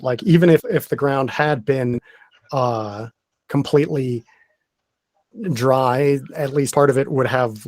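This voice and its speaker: A man acting as game master, explaining the rules step by step in a halting way. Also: medium pitch, a little mellow, no echo. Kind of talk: narrating a tabletop game.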